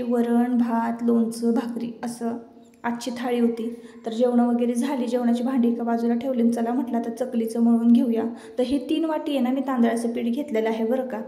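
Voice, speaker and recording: Homely middle-aged Marathi woman, fairly high, level voice, cooking vlog voice-over. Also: mellow, reverberant. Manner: chatty, homely, addresses viewers as sisters. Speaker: home cooking vlogger. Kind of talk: casual recipe voice-over.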